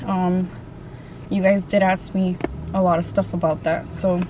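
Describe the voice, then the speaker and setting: A woman chatting casually and haltingly to viewers in slangy, informal speech while eating, sometimes with her mouth full. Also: on the low side, little pitch movement. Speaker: mukbang vlogger. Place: open-top Jeep outdoors. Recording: clear car and outdoor ambient noise.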